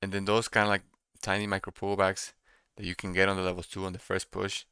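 Young man, Spanglish, bright forceful voice, dry close sound, casual live trading commentary. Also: low-pitched, completely flat delivery, quick pace, smooth, no echo. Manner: Spanglish, slipping between English and Spanish mid-thought. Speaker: day trader streaming live. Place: small room indoors at a computer desk.

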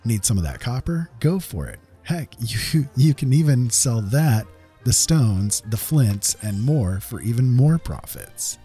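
Over game footage with faint background music, a male gaming host delivers his scripted narration conversationally, adding emphasis here and there. He is medium-pitched and very animated, yet a bit slow, and his voice is dark and husky.

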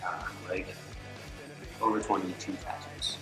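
A man's voice: sits low, little pitch movement, measured pace. An eighteen-year-old man from Canada talking casually in a seated interview, full of "like" fillers. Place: studio with gray backdrop. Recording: roomy studio with music bed.

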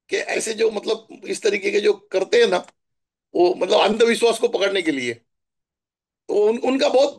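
A middle-aged man from Maharashtra telling stories in a chatty, animated way during a spiritual talk. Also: sits high, creaky. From Maharashtra, India. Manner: chatty, animated storytelling with asides. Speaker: spiritual guest answering questions.

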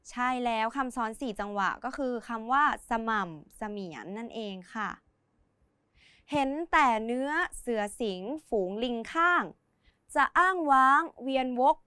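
A young woman teaching an online lesson for teens, patient and encouraging, coaxing her students to guess and reading example words slowly with stress. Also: on the high side, expressive, sharp tone, smooth, no echo, studio quality. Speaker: Thai language teacher.

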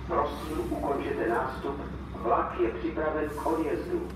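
Male station announcer, formal and impersonal, measured phrasing, heard over distant, heavily reverberant platform loudspeakers. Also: a little high. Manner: measured, segmented, impersonal public-address delivery. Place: railway station, over public-address speakers. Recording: echoey station loudspeakers from far off, noisy.

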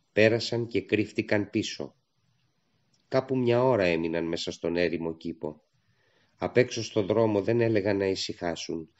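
A man narrating a literary audiobook in a steady, measured storytelling manner, on a dull lo-fi recording. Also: fairly low pitch.

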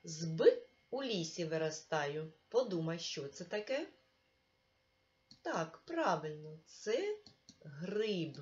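A primary school teacher guides a young pupil through a remote lesson, slow, patient and full of encouragement. Her voice is a little low for a woman and a little mellow, with big pitch swings, and the recording is dull and lo-fi.

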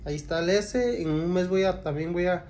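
A young man with a Mexican Spanish accent vlogs casually to camera, full of fillers and restarts. His voice sits high and a little mellow, moving a bit fast, with slight background noise.

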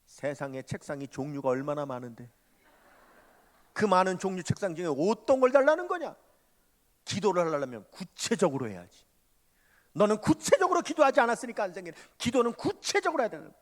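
A man's voice: high voice, sing-song, a little fast. A man preaching in a sermon, voicing a stern, fatherly divine voice that admonishes a young preacher. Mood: scolding. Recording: long church hall reverb.

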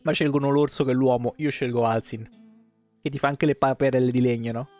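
Reading game lore live from a small home room, a man speaks at medium pitch with a steady, slightly darkish tone and a pace a little on the fast side. He curses casually, trips over words and fixes them as he goes, while faint music plays.

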